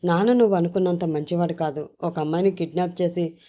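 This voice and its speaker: A woman voicing a young son gently pleading with his mother. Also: on the low side, fairly even intonation, quick pace, highs cut off, close to an everyday voice. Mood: earnest.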